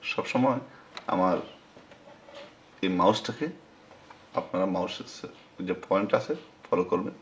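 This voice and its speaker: Slow, low-voiced man teaching recitation. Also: a little hiss or hum. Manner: spells syllables slowly and repeats them. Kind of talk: slow screen-recorded lesson. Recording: dull lo-fi screen recording.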